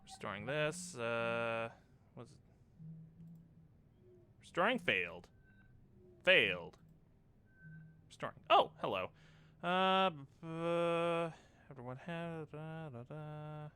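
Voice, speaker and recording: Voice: mid-range voice, lively intonation, slow pace, long pauses, pushed and bright, smooth. A gamer giving casual let's-play commentary, with playful sing-song asides to the game's characters. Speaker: gamer narrating a playthrough.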